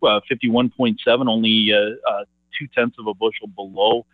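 A man comes through over the phone, his voice low and squeezed into a narrow, tinny band. The line is dry, with no room echo. He talks as an analyst in a halting way, full of fillers and restarts. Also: fairly even intonation. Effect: heard over the phone. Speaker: market analyst guest. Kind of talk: phone interview on grain markets.

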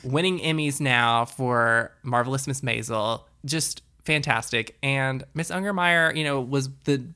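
A woman with a bright, forward voice talks through a movie with a co-host, enthusiastic and chatty. Her tone stays crisp and lively in this casual recap. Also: extremely low pitch, unhurried, few pauses. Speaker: podcast co-host. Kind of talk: casual chat.

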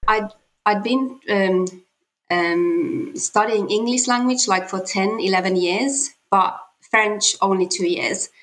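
A woman's voice: medium pitch, slow pace, a bit bright, rough recording. A woman in her forties from Finland with a Finnish accent, a podcast guest telling her story in a hesitant way, with many fillers and restarts. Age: 40s. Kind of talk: casual interview talk.

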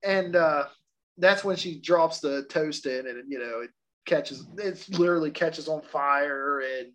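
A man co-hosting a podcast, excitedly telling a story in casual chat and laughing often. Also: a little high, a little slow. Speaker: podcast co-host.

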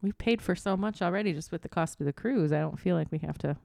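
A woman's voice: fairly low pitch, fast talker, vocal fry, mellow, no echo. A woman in her forties co-hosting a podcast from a home dining room studio, chatty and laughing often as she tells stories. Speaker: podcast co-host. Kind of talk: casual chat.

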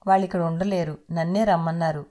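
A woman voicing a young pregnant wife who speaks softly and with restraint. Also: fairly low pitch, steady tone, fast, natural voice. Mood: restrained. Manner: soft, restrained.

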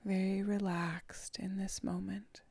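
A woman leads a guided meditation, drawing out each phrase very slowly and often sinking into a whisper. Her voice is mellow and a little gravelly, and she keeps it level with little rise and fall. The recording is close and dry. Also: medium pitch, little pitch movement, dry recording. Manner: slow, soft and soothing, often whispered.

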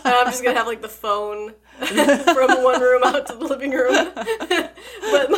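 A woman co-hosting a casual chat, giggly, her voice dropping low at the ends of sentences. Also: a little slow, a crowd in the background. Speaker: podcast co-host.

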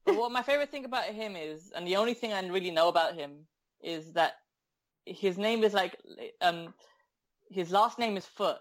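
A podcast co-host with a high-sitting voice tells stories in a casual chat, speaking at normal speed. He giggles a lot and tells them animatedly.

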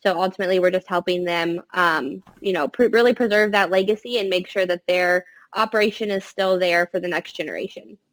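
A young adult woman giving casual interview answers in an upbeat, earnest way, speaking from a quiet room. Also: lowish voice, fairly even intonation, fairly quick, few pauses. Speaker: podcast guest, family farm-consulting business co-runner. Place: quiet space in a college library.

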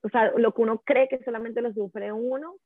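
A woman's voice: a little high, fairly even intonation, normal speed, dry recording. A woman co-hosting a casual podcast, a mother telling everyday stories in a chatty, conversational way. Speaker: podcast co-host. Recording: phone-like narrow sound.

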